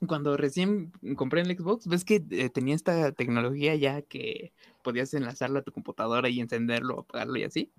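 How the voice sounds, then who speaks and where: Young man, Mexican accent, mid pitch, dry close sound, relaxed and chuckling. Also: a little fast, hardly any pauses, no echo. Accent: Mexican Spanish. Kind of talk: casual storytelling chat.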